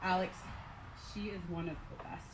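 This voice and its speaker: A woman's voice: lowish voice, fairly even intonation, normal speed. A woman delivering a heartfelt, prepared toast at a wedding reception. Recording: noisy live event recording.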